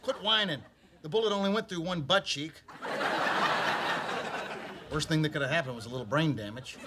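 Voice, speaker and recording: A man's voice: a little high, a little fast, heavy background noise. A man playing an exasperated, wisecracking family man in a sitcom. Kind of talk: sitcom acting. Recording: studio sitcom with audience laughter.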